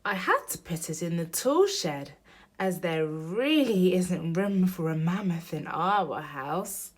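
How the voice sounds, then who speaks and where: A woman with a slightly low voice slowly reads a children's picture book aloud, taking her time over each phrase. Her pitch rises and falls in an animated, storytelling way.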